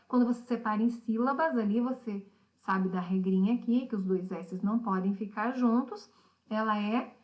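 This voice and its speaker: A middle-aged woman teaching a recorded lesson, patient and explanatory. Her voice sits a little high. She keeps asking her pupils questions as she goes. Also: a bit bright.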